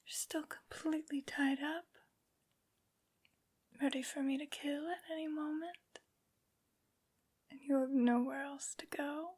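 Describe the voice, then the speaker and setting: A woman voicing a haughty, vengeful aristocratic vampire lady in an ASMR roleplay, in a breathy whisper with taunting, mockingly sweet phrasing. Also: sits high, fairly even intonation, unhurried, long pauses, darkish tone. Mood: menacing, taunting.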